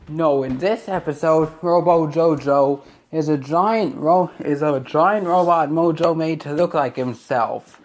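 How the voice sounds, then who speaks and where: A man ranting casually in a cartoon review, rambling with many restarts and quick asides. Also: a little high, slight background noise.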